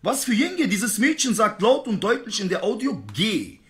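A man's voice: high-pitched, animated, moderate pace. A man ranting heatedly in a live-stream argument, full of street slang.

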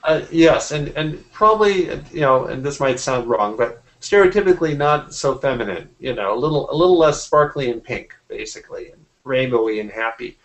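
Talking animatedly at a moderate pace with hardly any pauses, a forty-something artist and art teacher chats casually as an interview guest over a video call from a small room at home. His medium-pitched voice has a fairly bright tone, and he often reworks sentences midway. The computer mic makes the audio poor.

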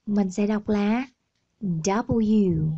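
A woman teaching the alphabet to children. She pronounces each word slowly, repeats it, and praises the listener. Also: medium pitch, dark tone. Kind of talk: slow pronunciation drill. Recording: dull lo-fi sound.

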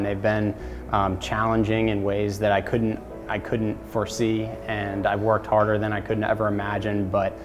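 A young man in his twenties from rural Pennsylvania, a graduate student speaking steadily and matter-of-factly in an interview testimonial. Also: on the low side. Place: indoor university hallway. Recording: long reverb with music behind.

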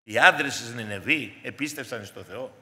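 In a church hall with long reverb, a man earnestly preaches a sermon, often addressing the congregation as dear brothers and sisters. His voice is mid-range with a sharp tone.

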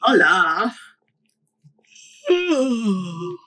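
A woman chats casually through a gaming session. She speaks slowly and draws her words out, while her pitch swings up and down expressively. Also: sing-song, sharp tone, poor audio. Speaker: gamer.

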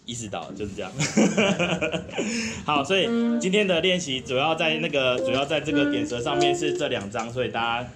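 A man's voice: medium pitch, animated, fast talker, hardly any pauses, over loud music. A man with a Taiwanese Mandarin accent teaching a group saxophone lesson, patient and encouraging, counting the class in. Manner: patient, counts in and sings demonstrations.

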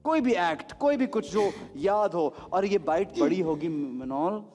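A man's voice: high voice, animated, unhurried, darkish tone, in a large hall, soft background music. A man hosting a talk show with a Pakistani Urdu accent, teasing his guests and mixing in English phrases. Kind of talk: playful studio chat.

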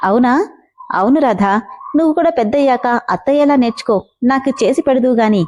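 Teen boy, playful, teasing, a bit quick, read by a woman. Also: high voice, a little mellow, lo-fi sound, slight background noise, close to an everyday voice. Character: teasing, ambitious teenage boy.

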